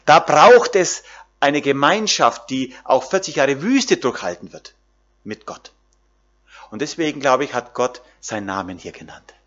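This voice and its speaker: German preacher with lively, swinging pitch. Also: male voice, unhurried, dull audio. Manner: talks directly to the congregation with many fillers and tag questions. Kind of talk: sermon.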